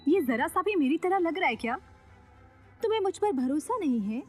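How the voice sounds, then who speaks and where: A woman's voice: high-pitched, sing-song, moderate pace, faint music behind. An actress dubbing a snobbish, cruel young woman who speaks with haughty contempt. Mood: scornful. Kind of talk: Hindi dubbed TV drama acting.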